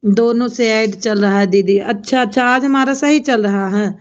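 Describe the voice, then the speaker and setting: A woman's voice: a little high, fairly even intonation, moderate pace, lo-fi sound. A woman hosting a casual live stream, chatting with viewers and scolding and soothing children in between.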